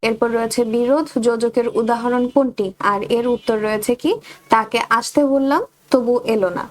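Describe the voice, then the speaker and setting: A woman tutor with a Bangladeshi Bengali accent running a quick exam revision, reading each question and giving the answer straight to her students. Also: fairly high pitch, steady tone, a little mellow. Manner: rapid question-and-answer drilling, addresses students directly.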